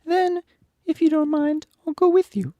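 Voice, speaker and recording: The Cowardly Lion, squeaky-high and mournful. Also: male voice, little pitch movement, normal speed, mellow, no echo. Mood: unhappy, resigned. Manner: mournful, confessional storybook delivery. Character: cowardly sorrowful male lion, timid king of beasts.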